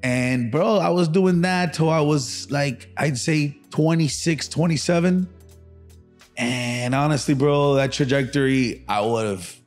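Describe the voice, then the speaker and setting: A man's voice: fairly high pitch, measured pace, soft background music. A man in his thirties from Miami, a comedian guest chatting loosely with lots of slang and swearing on a podcast. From Miami, USA. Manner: loose, profane, slangy banter. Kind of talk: casual podcast chat.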